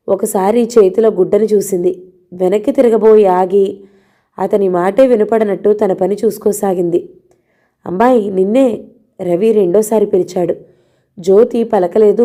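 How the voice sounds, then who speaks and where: A woman narrating a novel in a steady storytelling manner. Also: mid-range voice. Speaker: audiobook narrator. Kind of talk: novel reading.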